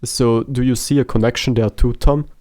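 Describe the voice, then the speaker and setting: A man's voice: medium pitch, steady tone, moderate pace, dark tone, no room sound, clean studio sound. A man co-hosting a podcast, chatting casually about a film in a hesitant, joking way with many fillers, a native German speaker. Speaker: podcast co-host.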